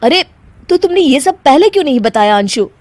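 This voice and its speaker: A woman voicing an exasperated young husband with a lowered, firm voice. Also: very animated, brisk, darkish tone, no echo.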